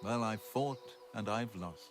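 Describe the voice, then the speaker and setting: An actor playing a gruff, grumbling old fisherman with an injured leg in a video game, with music behind him. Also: lowish voice, measured pace, close to an everyday voice. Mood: bitter, defeated. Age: older. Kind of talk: scripted video game dialogue.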